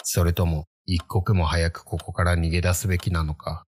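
A man narrating a creepy ghost story in the first person, in a measured, brooding manner. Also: sits low, level tone, a little mellow, slightly rough, no echo, studio quality.

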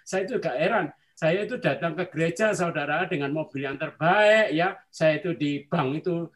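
A man's voice: fairly high pitch, normal speed. A man giving an earnest personal faith testimony over a video call, often addressing his listeners directly. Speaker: church testimony speaker.

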